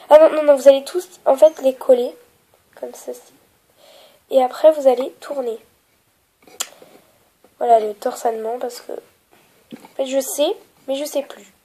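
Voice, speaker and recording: A young woman who makes polymer clay tutorials explains a craft at home, her nose stuffy from a cold. Her voice sits high, the audio is poor, and her speech is full of fillers and soft phrases that trail off.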